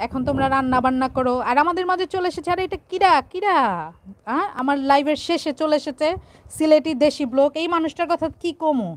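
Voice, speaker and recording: A woman's voice: sits high, fast, dry recording. A playful, teasing woman from Bangladesh hosting a casual live stream and reading out viewer comments.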